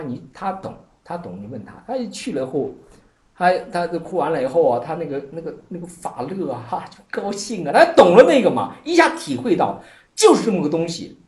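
A Buddhist teacher tells a Chan koan as a lively story, the voice swinging high and low as the tale unfolds. Laughter and filler words run through the telling. The voice carries the ring of an echoey room. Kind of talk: Chan dharma talk retelling a koan.

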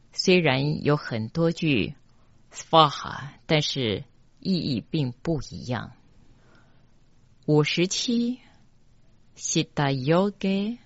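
A teacher who gives a pronunciation lesson for chanting, going slowly and deliberately and repeating each line syllable by syllable. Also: medium pitch, a bit bright, no echo. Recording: dull, dry lo-fi recording.

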